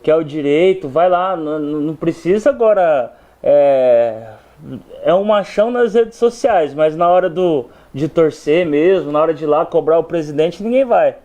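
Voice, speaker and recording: A man's voice: fairly high pitch, expressive, moderate pace, warm tone. A man giving blunt, opinionated football commentary in a studio chat, speaking straight to the fans. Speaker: sports commentator. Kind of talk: casual studio sports chat.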